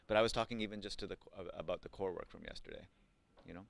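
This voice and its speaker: Racing along in a deep, gravelly voice with fairly even intonation, a coding bootcamp instructor from Pakistan, in his thirties, runs a live class. His talk is casual and peppered with ums and likes, and he often turns to quiz the class.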